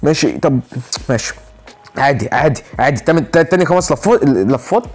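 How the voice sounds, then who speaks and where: A man with an Egyptian Arabic accent giving excitable live gameplay commentary, repeating himself rapidly and pleading and joking with his viewers. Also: fairly high pitch, faint music behind. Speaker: gaming YouTuber.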